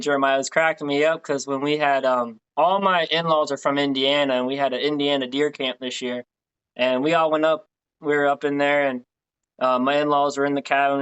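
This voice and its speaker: A man's voice: fairly high pitch, fairly bright tone, clear, resonant tone, muffled recording. An American man who grew up in Tennessee and Pennsylvania, hosting with casual chat and anecdotes. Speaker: podcast host.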